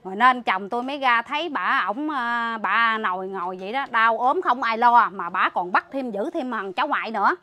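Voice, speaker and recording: A woman's voice: on the high side, normal speed, hardly any pauses, sharp tone. A woman with a Southern Vietnamese accent tells her account in a rush, indignant and full of restarts. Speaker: interviewee, relative caring for a sick man. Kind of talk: emotional spoken account.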